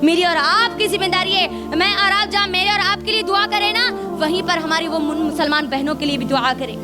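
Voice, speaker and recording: A woman's voice: very high voice, fairly quick. A woman giving a sermon to a women's gathering, quizzing the audience and repeating phrases for emphasis. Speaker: religious lecturer. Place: function hall. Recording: music audible behind speech.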